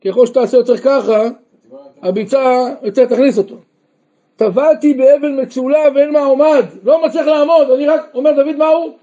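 A man's voice: very high-pitched, steady tone, mellow. A rabbi teaching a Torah lesson to a group, often asking questions and answering them himself, at times raising his voice with emphasis. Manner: breaks into emphatic raised outbursts. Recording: dull lo-fi recording.

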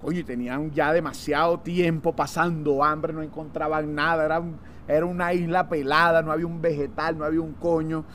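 A Venezuelan man hosting a casual comedy chat as a lively questioner. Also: fairly high pitch, brisk, hardly any pauses, slight background noise. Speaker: host.

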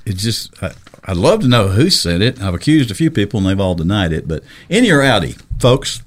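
A man hosts a casual chat on a front porch with a somewhat low voice. He talks freely and laughs easily. Faint music plays in the background. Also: big pitch swings, fairly quick. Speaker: host.

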